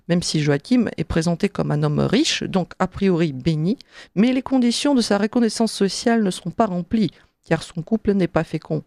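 Solemn gravelly woman reading scripture. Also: lowish voice, warm tone, no echo, studio quality. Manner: measured, solemn reading with slight slips. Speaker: reader and commentator. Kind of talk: reading a religious text, then commentary.

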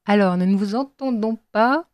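Measured female radio host. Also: mid-range voice, a little mellow, no room sound. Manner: measured, slowing on key phrases, light laughs. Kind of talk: hosting a talk show, introducing guests.

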